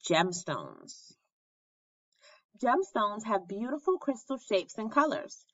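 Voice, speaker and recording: Reading a lesson for children, a woman teacher articulates each phrase with schoolteacher care at a relaxed pace. Her medium-pitched tone is bright and forward. The audio is close and dry with no echo, and slightly dull in quality.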